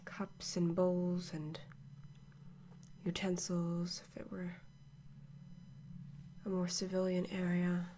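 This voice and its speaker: A woman playing a calm, absorbed archaeologist in a hushed, monotone ASMR role-play, speaking in a measured way close to the microphone. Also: on the low side. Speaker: ASMR performer. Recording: clearly noisy close-mic recording.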